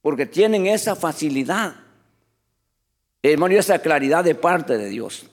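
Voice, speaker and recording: A man delivering a sermon as pastor, his voice pitched a little high and swinging widely as he preaches. He talks in an animated way and keeps addressing the congregation as brothers. The sound carries a long reverb from a hall. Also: moderate pace. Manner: animated preaching, often calling the congregation "hermano".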